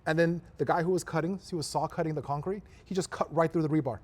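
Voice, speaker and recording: A man's voice: fairly high pitch, steady tone, fast talker, darkish tone. A man, a real estate investor, talking emphatically in a casual podcast conversation, repeating his points for effect.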